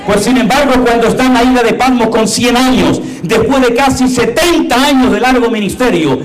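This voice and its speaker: A middle-aged man preaches to his church in a notably high voice. His delivery is fervent, sinking to hushed passages and climbing to exclaiming ones. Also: brisk, echoey room, low-quality recording. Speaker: pastor. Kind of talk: sermon.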